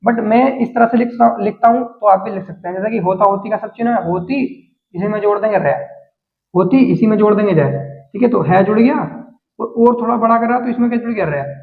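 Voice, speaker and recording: A man walks his viewers through shorthand strokes as he writes, saying each rule twice and keeping the tone casual. His voice sits high, and the sound is narrow and tinny, like a phone line. The room around him echoes. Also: fairly quick. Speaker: shorthand teacher. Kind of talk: explaining steps while writing on a board.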